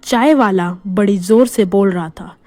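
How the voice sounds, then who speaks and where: Woman narrating a hushed horror tale. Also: mid-range voice, unhurried, no room sound, faint music behind. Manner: hushed, suspenseful storytelling. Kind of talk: scripted horror story narration.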